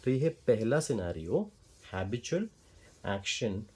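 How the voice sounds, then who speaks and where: This man speaks in a fairly low, darkish, husky voice and sounds very animated, though the recording quality is poor. He teaches English grammar in Hindi, spelling out English example sentences word by word with pauses and fillers. Slow, patient and careful, he explains and checks that the listener understands.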